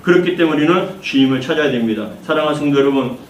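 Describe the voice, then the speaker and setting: A man with a fairly high voice preaches a fervent sermon at a very fast clip, repeating key phrases and guiding the congregation through scripture. He is a pastor in a church sanctuary, recorded from a distant mic in an echoey hall with faint noise.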